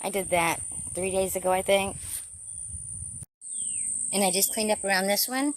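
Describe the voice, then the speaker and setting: Outdoors filming her garden, a woman narrates a casual vlog, chatty and thinking aloud as she works. Her mid-range voice holds a steady tone at a moderate pace, with slight background noise.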